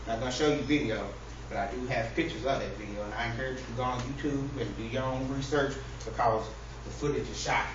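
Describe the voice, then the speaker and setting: Here the same sort of public speaker, a man with a mid-range voice, talks fast with hardly any pauses. His informal, comic speech to the audience takes on a mock-serious, sermon-like tone. The room is indoor and echoey with people present, and the recording sounds far off, heavily echoed, noisy and muffled.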